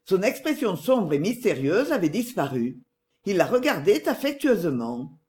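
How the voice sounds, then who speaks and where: An audiobook narrator giving a measured, expressive reading of a novel. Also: mid-range voice. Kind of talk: literary narration.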